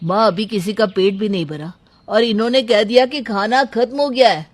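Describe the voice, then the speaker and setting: A woman's voice: medium pitch, moderate pace, slight background noise, close to an everyday voice. A woman voicing an irritated young husband in a cartoon, complaining angrily. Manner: angry, complaining. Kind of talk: cartoon voice acting.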